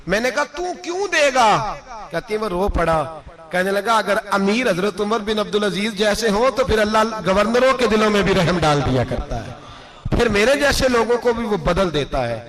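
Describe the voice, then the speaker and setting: A man's voice: sits high, lively intonation, normal speed, fairly bright tone. A man with a Pakistani Urdu accent preaching a sermon, telling a moral story with impassioned rising peaks.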